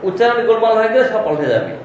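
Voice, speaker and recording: A man's voice: high-pitched, big pitch swings, racing, lo-fi sound. A man, a monk preacher, giving a devotional storytelling sermon. He asks rhetorical questions and answers them himself, with many affirming fillers. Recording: echoey distant mic with faint noise.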